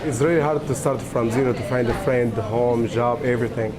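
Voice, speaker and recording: A man who is a newcomer working at a restaurant, talking in halting, broken English in a news feature interview. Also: mid-range voice, steady tone, a crowd in the background. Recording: music bed under voice. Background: music.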